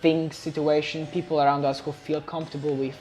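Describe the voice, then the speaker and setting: A man's voice: on the high side, little pitch movement, a little fast, darkish tone. Eager Polish-accented man. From Poland. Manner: eager, emphatic, repeats words. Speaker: personal trainer, podcast guest. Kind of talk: casual podcast chat.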